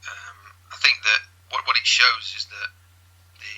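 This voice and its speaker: Husky, bright-voiced English football coach, a man. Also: lowish voice, fairly even intonation, a little slow, muffled recording. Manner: earnest, thoughtful, explaining with examples. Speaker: football academy coach being interviewed. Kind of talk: explanatory interview talk.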